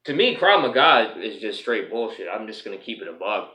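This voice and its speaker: A man's voice: on the low side, big pitch swings, fairly quick, sharp tone, reverberant. A man, a martial arts instructor, casually telling a story in a vlog, rambling with lots of "you know" fillers and some swearing.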